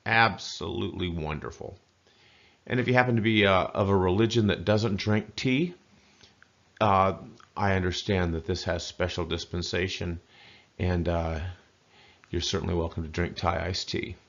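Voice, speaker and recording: A man giving a casual spoken language lesson, chatty and folksy, slowly repeating words to model pronunciation. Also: low-pitched, vocal fry, a bit bright, dull audio. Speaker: language teacher.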